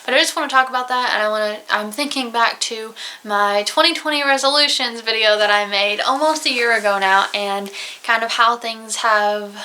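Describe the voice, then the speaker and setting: Alone at home and recorded on a camera mic, a young Southern US woman opens up in a personal vlog about a difficult year. Her voice is a little high with a sharp tone, and she is emotional, nearly crying at moments.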